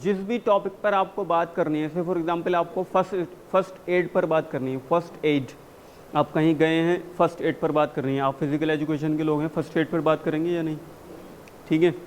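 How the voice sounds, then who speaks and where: English coach guy in a classroom, highish voice, slight background noise, scolds and drills phrases slow. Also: steady tone. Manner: drills phrases slowly, scolding and urging students to read with energy. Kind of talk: classroom teaching in Hindi mixed with English. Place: university classroom.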